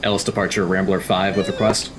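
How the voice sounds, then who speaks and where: A man's voice: low voice, level tone, fast talker. A man leading a flight in a combat flight sim, making pilot radio calls during gameplay. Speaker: flight lead in a flight sim game. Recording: clear background noise with clicks.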